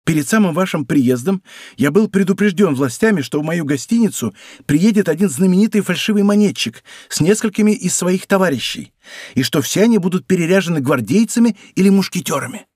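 A man's voice: high voice, lively intonation, a little fast, a little mellow, breathy edge, no echo, studio quality, voice pushed up. A man voicing a frightened, servile innkeeper who pleads and whines. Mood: anxious. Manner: whining, servile.

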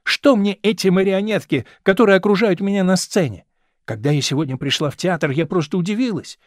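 An ardent young actress lost in love, pleading in an earnest, declaiming way, as a male reader speaks her lines. The voice sits high for a man and is recorded dry and close. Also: brisk, no echo, natural voice. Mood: rapturous.

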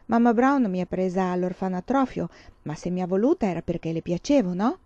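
A woman's voice: fairly low pitch, animated, fairly quick, no echo, natural voice. A woman voicing a cheerful, friendly teenage schoolgirl. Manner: bright, friendly. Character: girlish, cheerful adopted schoolgirl. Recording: slightly dull, dry recording.

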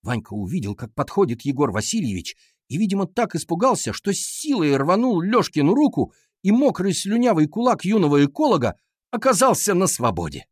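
Lively, husky man reading a children's story. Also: sits high, a little fast, no echo, studio quality. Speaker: audiobook reader. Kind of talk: scripted narration of a children's story.

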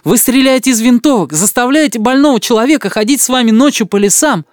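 A man reading an audiobook voices an outraged young boy who shouts in a breaking voice. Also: extremely high pitch, lively intonation, fast talker, no room sound, studio quality, pitched above the performer's own voice. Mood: outraged shouting. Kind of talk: audiobook character voice.

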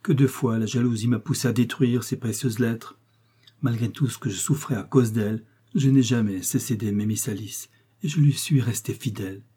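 A man's voice: mid-range voice, normal speed, warm tone, husky, close to an everyday voice. A man voicing a nervous aging woman servant who trembles and sobs as she pleads. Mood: tearful confession. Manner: trembling, sobbing pleas.

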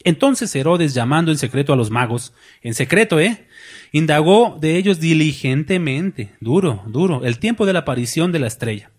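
Pastor guy preaching, kinda high voice, asks the crowd stuff, acts out little voices. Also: normal speed, breathy edge. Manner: lively preaching with rhetorical questions and acted-out voices. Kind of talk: sermon.

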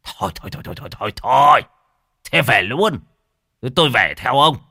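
A bossy old village sorcerer, put on by a storytelling man, barking orders in a raised, pitched-up voice. He is brusque and impatient and swings his voice up and down. The voice is dry and close to the mic. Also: sing-song, a little fast, vocal fry, pushed and bright, dry recording, full character voice. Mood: scolding.

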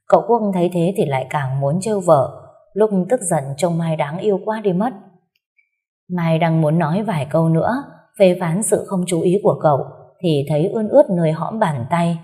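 A woman narrating a romance story aloud in a gentle, steady storytelling manner. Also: fairly low pitch.

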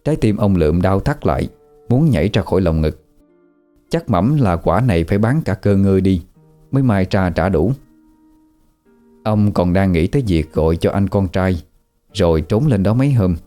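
A man narrating a horror story in a vivid, measured way. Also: low voice, lively intonation, dark tone, soft background music.

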